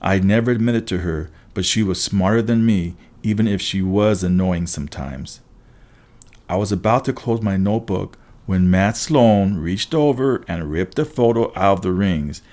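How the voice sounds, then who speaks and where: A man's voice: deep voice, normal speed, a little mellow. A man reading an audiobook aloud in a wry, conversational first-person storytelling manner. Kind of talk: audiobook narration.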